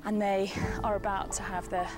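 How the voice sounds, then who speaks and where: Female field presenter, nature documentary, off-the-cuff commentary, exclamatory, medium pitch, loud music behind. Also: little pitch movement, moderate pace. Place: on location during animal work. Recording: loud music under location sound.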